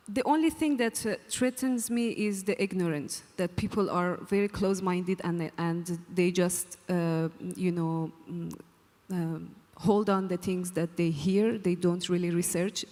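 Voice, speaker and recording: A woman's voice: on the low side, steady tone, a little slow, dark tone. A woman from Afghanistan, a musician guest in a live panel interview, who speaks hesitantly with many fillers. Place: hall, on stage. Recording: long reverb of a hall.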